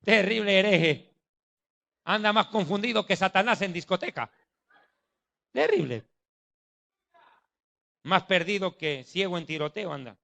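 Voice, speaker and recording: A man's voice: high voice, animated, a little slow, gravelly, long pauses, pushed and bright. A man preaching a sermon in a mocking, jokey and emphatic manner.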